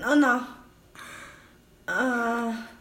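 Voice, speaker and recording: A woman's voice: on the high side, drawn-out words, fairly bright tone, reverberant, a little hiss or hum. A young woman with a Mexican Spanish accent playing a word game with a friend, joking, swearing and dropping English words. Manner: laughing, joking, swears a lot, mixes in English. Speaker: game player. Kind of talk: casual chat.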